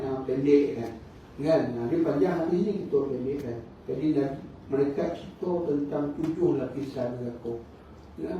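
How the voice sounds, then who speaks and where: In a mosque hall, a male religious teacher with a Negeri Sembilan Malaysian Malay accent lectures in a mid-range, dark voice, telling stories, acting out dialogue, and asking the crowd "kan?". Recorded from far off, the sound is echoey and dull, with slight background noise.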